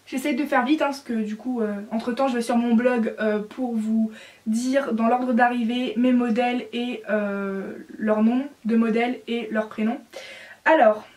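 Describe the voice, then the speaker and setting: A woman from France chatting casually in a vlog about her doll collection, rambling with frequent hesitations and apologies. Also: sits high.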